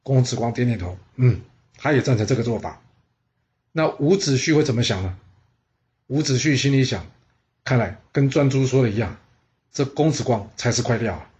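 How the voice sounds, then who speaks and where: A man telling history stories in a lively, conversational narration. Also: medium pitch, normal speed, pauses often. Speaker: storyteller. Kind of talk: scripted history storytelling.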